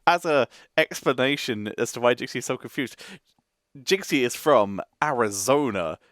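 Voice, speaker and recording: Man from Essex, co-host, chatty explainer, animated pitch, dry close sound. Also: normal speed, no echo. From Essex, England. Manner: explains at length, laughs often. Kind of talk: casual reaction chat.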